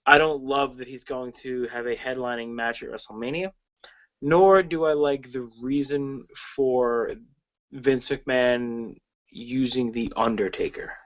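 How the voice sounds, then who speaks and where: A man's voice: mid-range voice, steady tone, measured pace, a bit bright. Rambling, cursing man on a dull podcast. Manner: rambling, restarts, swears. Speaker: podcast co-host. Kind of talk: casual podcast chat.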